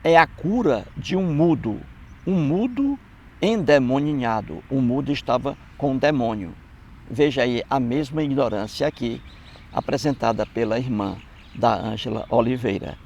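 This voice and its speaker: A Brazilian man talks through scripture with open scorn, circling back to repeat his points. His mid-range voice is rough and gravelly. Faint background noise sits under the speech. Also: mid-range voice, normal speed, darkish tone, highs cut off. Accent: Brazilian Portuguese. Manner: scornful, repeats phrases for emphasis. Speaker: atheist commentator. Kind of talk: mocking Bible commentary.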